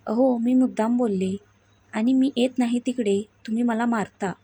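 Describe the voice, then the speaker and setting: A woman's voice: fairly high pitch, steady tone, normal speed, breathy edge. Woman reading as a tearful young wife. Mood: sulking. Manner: soft, plaintive read dialogue.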